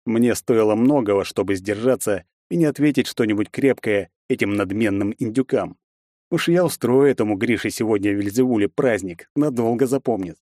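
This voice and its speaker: A man's voice: fairly low pitch, normal speed, dark tone, no room sound, studio quality. A man reading a novel aloud as the first-person narrator, with a wry, ironic inner voice. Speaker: audiobook narrator.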